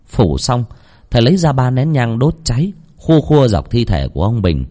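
A man narrating a ghost story with dramatic, expressive delivery. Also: mid-range voice, moderate pace.

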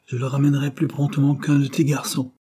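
A man's voice: medium pitch, level tone, fast talker, warm tone, pitched above the performer's own voice, close to an everyday voice. A man voicing a kindly male Quaker neighbor in an audiobook, plain and helpful.

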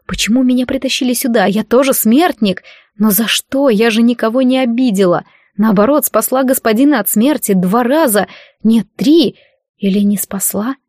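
A woman's voice: fairly high pitch, normal speed, a little mellow, dry recording, clean studio sound, lightly acted. A woman reading an audiobook, voicing a frightened young bride who speaks in a raised, pleading way. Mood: desperate. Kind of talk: audiobook character voice.

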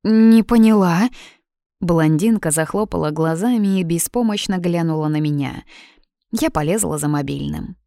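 A woman's voice: low voice, normal speed, vocal fry, dark tone, no echo, clean studio sound. A woman reading an audiobook in scripted narration, with a lightly ironic storytelling manner.

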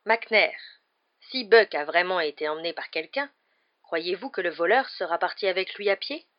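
A woman voicing a calm old male headmaster who speaks with gentle amusement. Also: fairly low pitch, normal speed, muffled recording, close to an everyday voice. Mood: amused.

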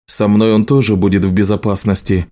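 A man voicing a firm, steady adult husband in an audiobook, speaking calmly in a mid-pitched voice. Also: brisk, close to an everyday voice. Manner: calm, firm.

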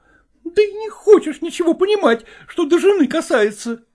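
A man reading a story aloud, voicing a jealous, demanding actress wife who scolds and shouts at her husband. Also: very high-pitched, expressive, moderate pace, voice pushed up. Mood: angry. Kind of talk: audiobook character voice.

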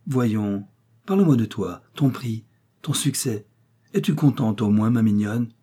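A man reading aloud and voicing a gentle, ailing middle-aged mother who speaks in soft, soothing reassurances. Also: lowish voice, animated, measured pace, slightly rough.

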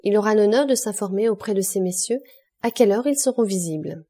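A woman's voice: medium pitch, lively intonation, brisk, warm tone. A woman reading a ceremonious liveried servant. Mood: formal. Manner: formal, ceremonious. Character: formal male servant in livery.

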